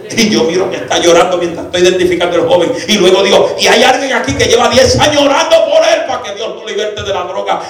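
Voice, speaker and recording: A man preaching a fervent testimony as pastor, going from hushed storytelling to shouted exhortation. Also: high voice. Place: church. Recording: echoey church hall with music underneath.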